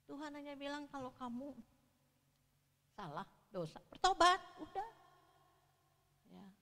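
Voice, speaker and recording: A woman's voice: high-pitched, very animated, measured pace, sharp tone. Woman preaching in a reverberant church. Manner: storytelling, asks the congregation questions, acts out quotes. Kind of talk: sermon. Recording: reverberant hall.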